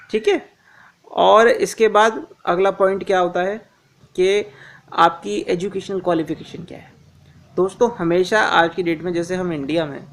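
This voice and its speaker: Male presenter, high-pitched, chatty advice monologue to viewers, hesitant fillers, repeats key points. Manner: addresses listeners as friends, frequent "uh" fillers; instructive, repeats key reminders. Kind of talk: informal advice talk to viewers.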